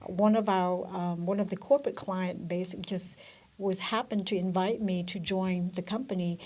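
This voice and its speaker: Soft-spoken woman from Vietnam, thoughtful. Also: lowish voice, steady tone, moderate pace. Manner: thoughtful, with frequent fillers and restarts. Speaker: guest, benefits director. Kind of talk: conversational business interview. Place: corporate office.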